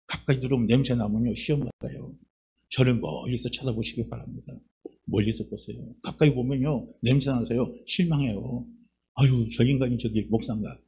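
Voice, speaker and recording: Gravelly-voiced man preaching a sermon. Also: mid-range voice. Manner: lively, talks straight to the congregation with rhetorical questions. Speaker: pastor. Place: church sanctuary.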